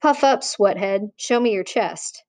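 Lady doing a loud sneering school bully kid, dry close sound. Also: mid-range voice, unhurried, dry recording, lightly acted. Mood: mocking. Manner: loud, mocking. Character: taunting middle-school boy bully.

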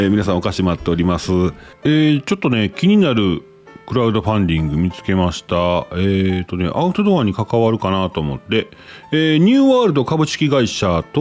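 A chatty man hosts a casual talk show, his fairly low voice rising and falling in a lively way. He rambles and corrects himself as he reads listener letters aloud. Faint music plays behind him. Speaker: podcast host. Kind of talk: casual radio-style chat.

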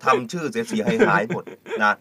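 A man's voice: moderate pace, crowd noise. A man co-hosting a radio show, chatting playfully and reading out listeners' messages. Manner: playful, teasing, reads listener messages aloud. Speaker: radio DJ co-host. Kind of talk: casual radio chat. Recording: dry studio sound.

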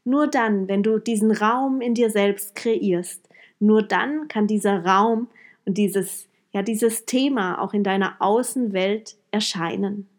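A woman's voice: mid-range voice, slow. A woman hosting a motivational podcast monologue, earnestly retelling a coaching talk and often tagging her sentences with a questioning "ja?". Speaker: podcast host and life coach.

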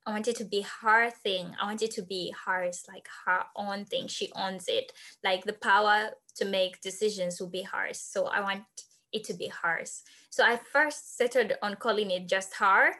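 A woman's voice: mid-range voice, moderate pace, hardly any pauses. A woman in her twenties from Zambia, a podcast guest earnestly telling the story of founding her organization. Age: 20s. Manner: earnest, animated when recounting. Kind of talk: podcast interview, personal storytelling.

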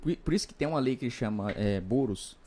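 A young man, a guest on a casual podcast, explaining crypto investing with quick asides and examples. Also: medium pitch, expressive, dark tone, a little hiss or hum.

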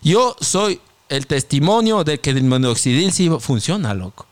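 A man hosting a podcast in casual chat, slangy and animated, tacking "loco" onto his sentences. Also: unhurried. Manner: mimics others in high-pitched voices. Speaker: podcast host.

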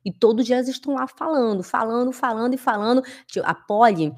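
Animated, high-voiced woman teaching German. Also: fast talker. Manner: animated, emphatic, drills German pronunciation. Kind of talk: casual online lesson.

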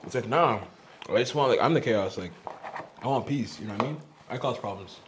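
A man's voice: mid-range voice, a little fast, background noise. A young man hosting a podcast in casual chat, talking while he eats spicy wings, loose and joking with frequent laughs. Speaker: podcast host.

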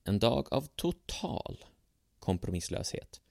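A man's voice: on the low side, big pitch swings, gravelly, darkish tone, no room sound, clean studio sound. A man narrating a scripted history story with a sardonic, ironic manner.

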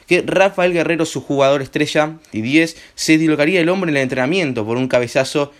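A young man with an Argentine accent, slightly hoarse, hosting a casual home-made radio show in a rambling, slangy way full of filler words. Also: on the high side, a little fast. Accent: Argentine Spanish. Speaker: host.

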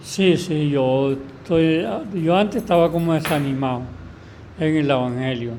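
A man's voice: fairly high pitch, a little slow, darkish tone, slight background noise. A man giving a simple, plain-spoken religious testimony in short answers. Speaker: church member giving testimony.

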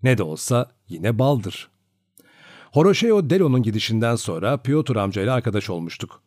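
Expressive male audiobook narrator. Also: mid-range voice, moderate pace, no echo, clean studio sound. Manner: expressive storytelling. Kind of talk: scripted narration of a novel.

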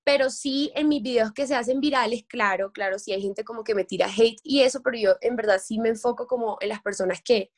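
As a guest in a relaxed interview, this young woman from the Caribbean coast of Colombia, a content creator, talks fast with hardly any pauses in a slightly high voice. She's chatty and brings the people she quotes to life with animated voices.

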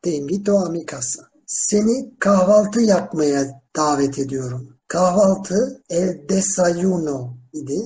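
A teacher giving a slow Spanish lesson in a classroom, spelling words out letter by letter with town names and repeating verb forms. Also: medium pitch, darkish tone, slight background noise. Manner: drills verb forms slowly and repeats them. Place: classroom with students.

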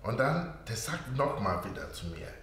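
A man who is not a native German speaker, slowly telling a personal story in broken German as an interview guest, full of pauses and quoted dialogue. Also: fairly low pitch, very animated, a bit bright. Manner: slow, hesitant, with many fillers and quoted dialogue. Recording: very echoey room with faint background noise.

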